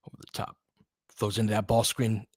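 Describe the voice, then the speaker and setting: Calling a basketball game live on audio, this informal, partisan host mixes play-by-play and casual commentary while rooting for his side. He speaks fairly quickly in a low, monotone, husky voice that's a little mellow. The sound is close, dry, and free of echo.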